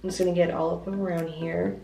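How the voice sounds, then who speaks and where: A young beauty vlogger with a stuffy, congested voice, lower than it normally is, talks fairly quickly in a flat, creaky, mellow tone. She casually explains every makeup step with self-deprecating remarks. She's in a hotel bathroom that echoes, away from the mic, with faint music.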